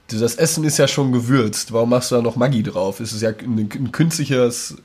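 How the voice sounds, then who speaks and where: A man's voice: mid-range voice, normal speed, a little mellow, a little hiss or hum. A young man co-hosting a podcast, making dry, sarcastic jokes in casual banter. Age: young adult. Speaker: podcast co-host.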